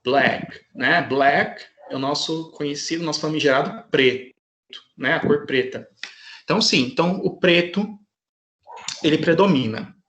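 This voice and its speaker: A male teacher runs an online class over a video call. His voice sits a little high. He is patient and keeps checking in with his students as he explains. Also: unhurried, fairly bright tone, echoey room. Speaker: English teacher.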